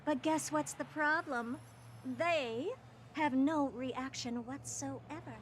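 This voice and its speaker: A woman's voice: high voice, slow, a little hiss or hum. An actress voicing an aloof, impatient female genius scientist in a video game, dry and dismissive. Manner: dry, dismissive, matter-of-fact.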